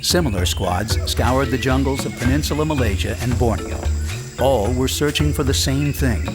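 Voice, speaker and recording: Male nature documentary narrator over loud music. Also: medium pitch. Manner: measured, dramatic storytelling delivery.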